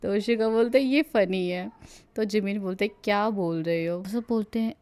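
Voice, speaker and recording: A young woman narrates a live stream for her viewers, relaying each line in an easy, chatty tone. She keeps slipping into laughter and asides as she reads. Her pitch sits in an ordinary middle range. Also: normal speed, a little mellow, smooth. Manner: giggly, chatty, breaks into laughter while reading. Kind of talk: casual retelling, reading quotes aloud.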